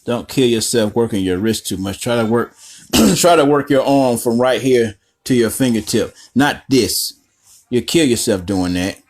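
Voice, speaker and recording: A man's voice: mid-range voice, expressive, normal speed, darkish tone. A man hosting a casual coloring tutorial, rambling through profane, joking asides while he works. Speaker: art tutorial host.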